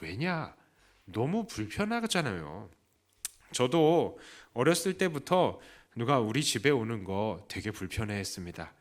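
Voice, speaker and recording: A man's voice: sing-song, unhurried. A man preaching a Sunday sermon as pastor, asking the congregation questions and acting out quoted voices. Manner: acts out quoted voices with raised pitch. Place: church.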